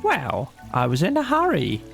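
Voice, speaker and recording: A man voicing a busy, matter-of-fact rabbit who explains briskly and precisely in a storybook audio play. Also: on the high side, wildly swooping pitch, vocal fry, fairly bright tone, faint music behind, pitched above the performer's own voice, full character voice. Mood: defensive.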